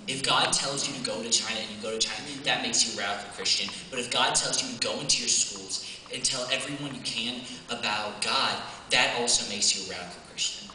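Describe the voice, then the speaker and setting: A man's voice: fairly low pitch, bright, forceful tone, slight background noise. A young man giving a casual, hesitant talk with many fillers, then performing a spoken word poem with rising intensity. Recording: echoey hall from far off, faint ambience.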